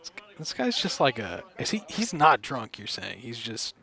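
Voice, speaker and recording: Gravelly young man in lively chat. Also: medium pitch, moderate pace. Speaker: podcast co-host. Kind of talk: casual podcast chat.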